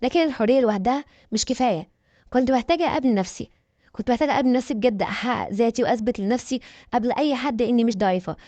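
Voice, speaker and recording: An Egyptian woman tells a dramatic first-person story with emphatic delivery. She speaks fast in a fairly high voice. The sound is dry and a little dull. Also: mellow, no room sound.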